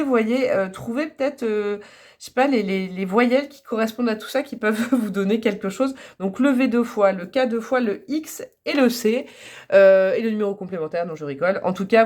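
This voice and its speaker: A woman's voice: on the low side, a little mellow. A woman giving a casual tarot reading to camera, chatty and rambling, with frequent fillers and small laughs. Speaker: tarot card reader.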